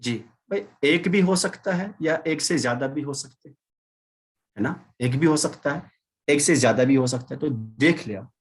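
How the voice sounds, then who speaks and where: A man's voice: a little high, normal speed, husky. A man teaching an Arabic class over a video call, explaining patiently and repeating key words, with English mixed in. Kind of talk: online class lecture.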